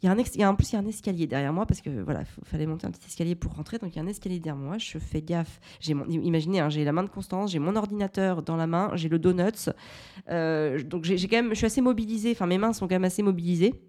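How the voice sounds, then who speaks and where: A woman in her thirties hosts a parenting podcast and tells a personal story in a low, mellow voice. Her delivery is candid and reflective, and she often restarts her sentences. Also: rapid-fire.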